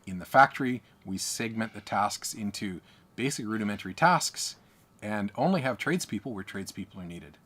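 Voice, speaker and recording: Husky Australian man lecturing emphatically. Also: fairly low pitch, a bit bright. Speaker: business coach. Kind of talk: speaking to camera.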